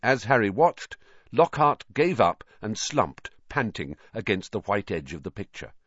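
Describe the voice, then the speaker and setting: A man reading an audiobook in scripted narration, expressive and voicing the characters. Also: fairly low pitch, unhurried, muffled recording.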